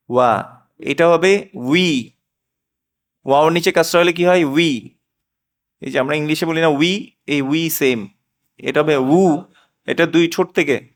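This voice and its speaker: A middle-aged man teaching a classroom language lesson, patiently drilling and questioning his students. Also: a little high. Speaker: Arabic teacher.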